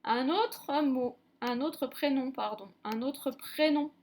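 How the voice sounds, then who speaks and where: A woman teaching a reading lesson to young children, speaking slowly and sounding out each syllable with careful articulation. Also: high voice, a little mellow. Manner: slow, clearly articulated, drawing out sounds. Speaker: primary school teacher.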